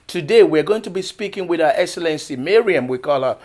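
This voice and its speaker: A man's voice: a little high, expressive, a little fast, darkish tone. A man who is a pastor, hosting a TV interview show in a formal, welcoming manner. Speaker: talk show host and pastor.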